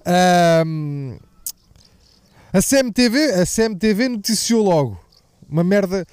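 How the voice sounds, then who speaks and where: A man's voice: high-pitched, animated, takes it slowly, a little mellow, smooth, no echo. A young man with a European Portuguese accent hosting a podcast, talking in a casual, profane, joking ramble that wanders off topic. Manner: profane, jokey, digressive. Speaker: podcast host. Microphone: mic slipping away from the mouth at times.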